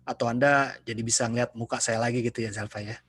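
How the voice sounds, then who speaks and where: A man with a slightly husky voice speaks to his students over a video call. He keeps the lecture loose and chatty and jokes with them as he explains. The sound comes through a plain computer microphone. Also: medium pitch, fast. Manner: relaxed, joking, chatty with students. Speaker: university lecturer. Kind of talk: casual online lecture. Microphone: video call computer mic.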